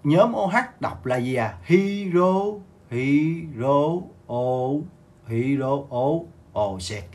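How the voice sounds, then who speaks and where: A man's voice: mid-range voice, expressive, slow pace, a little mellow. A male teacher giving a livestreamed exam review lesson, repeating words, quizzing viewers and asking them to like and share. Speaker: online math and chemistry teacher.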